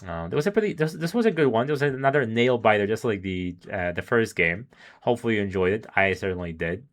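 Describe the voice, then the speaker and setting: Low-voiced man casting esports solo. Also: expressive, quick pace. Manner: analytical, musing, chuckling between thoughts. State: voice wearing thin. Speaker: esports caster. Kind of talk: live solo esports commentary.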